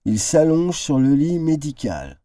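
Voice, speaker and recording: A man narrates a whimsical tale in a slow, unhurried reading. His voice is dark and mellow, and he raises it into brief character voices for the dialogue. The sound is dry and close. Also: big pitch swings, no echo. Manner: shifts into character voices, high exclamations. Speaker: storyteller. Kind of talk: expressive reading of an original tale.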